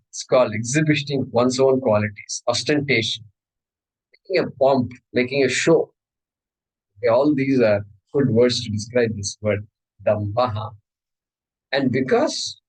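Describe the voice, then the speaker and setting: A man's voice: medium pitch, low-quality recording. Male scripture teacher, Indian accent, mid-range voice, explanatory delivery with repeated key terms and small checks to the class.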